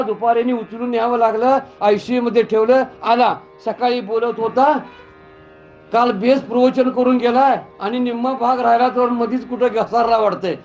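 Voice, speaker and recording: Man, high voice, lively temple storytelling, muffled sound, soft music behind. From Kolhapur, Maharashtra. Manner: animated, rhetorical questions, scolding asides. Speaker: Bhagavat katha preacher. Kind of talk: devotional storytelling sermon. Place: temple gathering.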